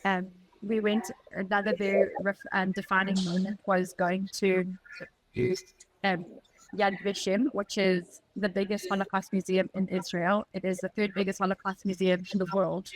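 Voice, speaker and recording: A woman from South Africa with a South African accent, a podcast guest telling a personal story in an earnest, reflective way with short halting phrases. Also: medium pitch, little pitch movement, low-quality recording.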